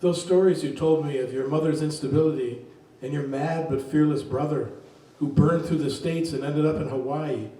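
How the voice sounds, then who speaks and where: A man reading his poems aloud at a reading event, in a slow, measured voice. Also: a little high, steady tone, dark tone. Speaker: poet reading his work. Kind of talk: poetry reading. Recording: very echoey room, distant mic.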